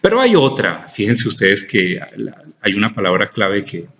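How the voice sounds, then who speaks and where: A male philosophy lecturer with a Honduran Spanish accent, dictating a text slowly and spelling out words letter by letter for his students. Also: fairly low pitch, sing-song, sharp tone.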